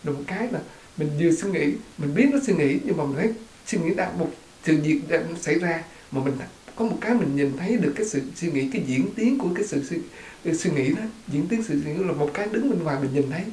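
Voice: medium pitch, animated, fast, darkish tone. Hesitant student asking in an echoey room. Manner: hesitant, searching for words. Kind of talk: question at a dharma talk. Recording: echoey room with faint hiss.

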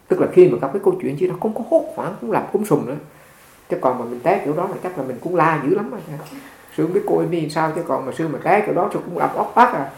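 A man's voice: fairly high pitch, vocal fry. A man, a Buddhist monk, giving a conversational dharma talk full of stories and repeated words. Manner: conversational, repeats words, animated when retelling. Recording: echoey room.

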